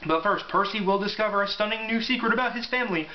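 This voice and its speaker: A man with a high-sitting voice talks fast, rambling casually through a book review and reading passages aloud in an offhand way. He's an amateur reviewer and reader, recorded in an echoey room with a muffled sound and faint hiss.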